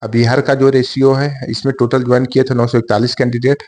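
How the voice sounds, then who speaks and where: This exam coaching host has a middle-pitched, level, slightly mellow voice as he gives a casual explainer on exam waiting-list news. Fillers and restarted sentences are frequent, and he keeps turning to his viewers with "guys."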